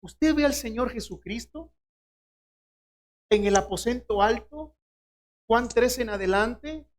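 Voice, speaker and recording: A man's voice: very high voice, slow. A man preaching a sermon, asking the listeners direct questions and now and then acting out short dialogues from scripture.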